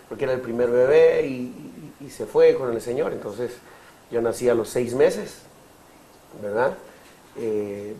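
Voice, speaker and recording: A Guatemalan man in his thirties giving his testimony in an interview, speaking haltingly with many fillers and restarts. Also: medium pitch, dark tone, a little hiss or hum, rough recording. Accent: Guatemalan Spanish. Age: 30s. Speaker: interview guest.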